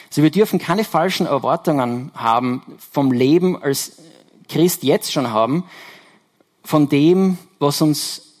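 A man delivers a Sunday sermon in an explanatory, conversational way. He pauses to correct himself and stresses key words by repeating them. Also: on the high side. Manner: explanatory, self-correcting, emphatic repetitions. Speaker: preacher.

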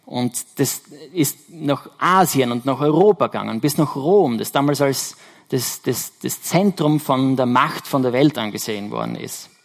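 A man's voice: mid-range voice, moderate pace. A man preaching a sermon to his congregation, explaining scripture step by step and correcting himself as he goes. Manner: explanatory, self-correcting, emphatic repetitions.

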